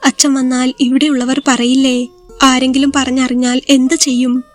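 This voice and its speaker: A woman's voice: sits high, flat delivery, normal speed, faint music behind, close to an everyday voice. A woman voicing a young injured wife who asks anxious, pleading questions in a spoken story. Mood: tearful.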